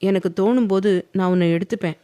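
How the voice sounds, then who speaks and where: A woman's voice: medium pitch, fast, mellow, natural voice. A woman voicing a stern, teasing, possessive young husband in an audio novel, reading his lines firmly. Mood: firm, tender.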